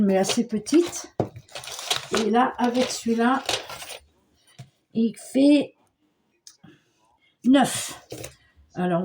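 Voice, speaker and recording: An older woman talks through a craft tutorial at an unhurried pace. Her voice sits a little high but has a soft, mellow color. She keeps up a friendly, homely running commentary on what her hands are doing. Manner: chatty, homely, narrates her hands at work. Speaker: scrapbooking crafter.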